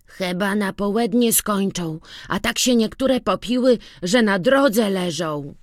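A narrator voicing a young farm boy who speaks in high, eager exclamations, in an audiobook. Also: slow, dry recording, studio quality, natural voice. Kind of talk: audiobook reading.

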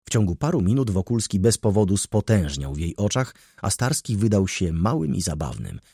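Deep, expressive male audiobook narrator. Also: normal speed, vocal fry, husky, no room sound, clean studio sound. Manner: expressive, lively reading. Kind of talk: scripted narration.

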